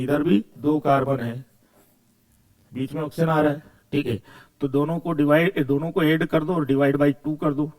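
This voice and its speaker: A man's voice: fairly high pitch, a little mellow. Male chemistry teacher. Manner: asks questions then answers them, repeats key words. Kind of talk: video lecture.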